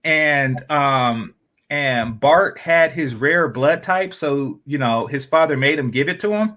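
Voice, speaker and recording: A man speaks slowly in an easygoing podcast chat, meandering with frequent fillers and restarts. He often lowers his voice for soft asides.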